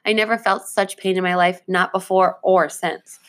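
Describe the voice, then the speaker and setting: Lady reading as an old grandpa telling a story, lowish and gentle, kinda dramatic. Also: fairly even intonation, moderate pace, close to an everyday voice. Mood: hushed storytelling. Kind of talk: reading a children's book aloud.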